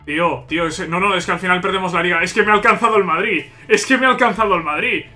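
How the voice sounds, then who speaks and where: Fast and high-voiced, this gaming YouTuber plays a football video game while talking to his viewers, with soft music in the background. His commentary is a frustrated, swearing, repetitive rant about the game being unfair, punctuated by loud, excited yells at big plays.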